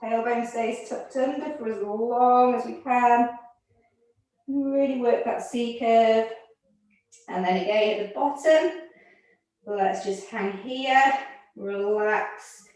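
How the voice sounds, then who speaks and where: A slightly high-voiced woman talks through a barre and mat workout at an unhurried pace, counting down reps and cueing each move. She is audibly out of breath. Her voice comes from some distance in a very echoey room. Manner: counts reps and cues moves, gently encouraging. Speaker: fitness instructor. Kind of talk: exercise class instruction.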